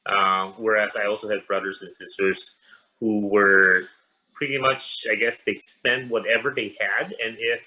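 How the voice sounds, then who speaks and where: Pastor from the Philippines, interview guest; low pitch, crisp bright tone, measured delivery full of fillers. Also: male voice, steady tone, rough recording. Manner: measured, with frequent pauses and fillers. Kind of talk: casual interview.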